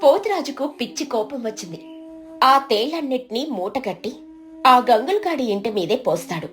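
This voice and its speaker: A woman reads out a moral story for an animated cartoon in a steady, measured storytelling voice. Her pitch sits somewhat high. Faint music plays underneath. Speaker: narrator. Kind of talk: scripted storybook narration.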